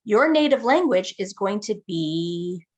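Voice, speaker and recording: Acting as game master, a woman patiently guides a player through character creation while explaining the game rules, often checking that they follow. Her medium-pitched voice is animated, a little slow and has a breathy edge.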